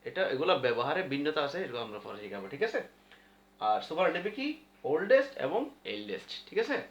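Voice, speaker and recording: Standing at a board, a male English teacher with a Bangladeshi Bengali accent walks through grammar, restating rules patiently and answering questions he asks himself. He speaks quickly in a slightly high, sing-song voice with a fairly bright tone. The audio is dull and lo-fi in an echoey room.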